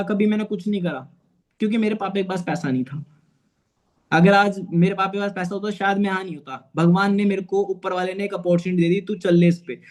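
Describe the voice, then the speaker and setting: A man's voice: high-pitched, darkish tone. A man in his twenties gives an earnest, personal motivational talk as a network marketing manager. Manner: earnest, personal, often adds "theek hai". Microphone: online meeting.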